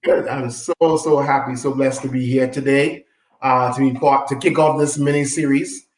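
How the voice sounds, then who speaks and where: A man's voice: mid-range voice, steady tone, normal speed, echoey room, poor audio. A man from Trinidad and Tobago, co-hosting a live stream, introduces himself in a friendly, casual way with many fillers over a video call. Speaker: co-host.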